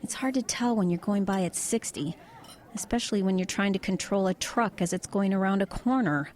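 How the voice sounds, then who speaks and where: A woman plays a level-headed truck driver in an eerie audio drama, delivering dialogue and narration in an everyday conversational manner. Her medium-pitched, darkish voice is a little fast and lightly acted, sounding intrigued and thoughtful.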